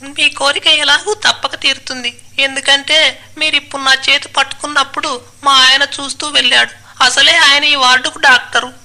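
A man voicing a quick-witted young woman nurse in a high falsetto, with a sly manner. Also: level tone, bright, forceful tone, heavily acted.

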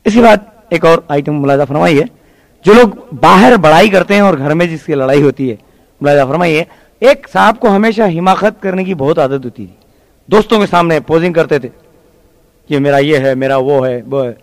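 A man's voice: a little high, animated. A male stand-up comedian, telling jokes in a colloquial style. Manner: switches quickly between voices, colloquial banter. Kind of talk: stand-up joke telling with character voices.

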